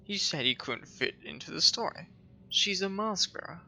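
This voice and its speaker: A man reading a weary, haunted detective's thoughts aloud in a quiet, brooding tone. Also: sits high, lively intonation, moderate pace, vocal fry, slight background noise, pitched above the performer's own voice, heavily acted. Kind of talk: reading game dialogue aloud.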